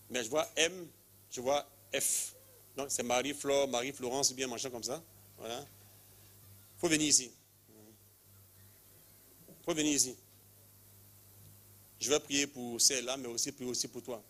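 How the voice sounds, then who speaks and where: Man, lay preacher, commanding, repetitive, mid-pitched voice. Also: a bit bright. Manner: commanding, repeats short phrases, calls people forward, leads call-and-response prayer. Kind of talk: charismatic healing service, prophetic calling.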